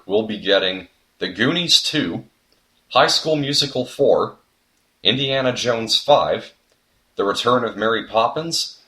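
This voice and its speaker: A young man with a lowish voice delivers a scripted video essay. He sounds earnest and reflective, and now and then he breaks into a sudden comic outburst. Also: pushed and bright. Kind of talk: scripted commentary narration.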